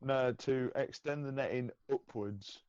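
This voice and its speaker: A man's voice: medium pitch, measured pace, a little mellow, clean tone, no echo, lo-fi sound. A man co-hosting a casual livestream chat, explaining things matter-of-factly.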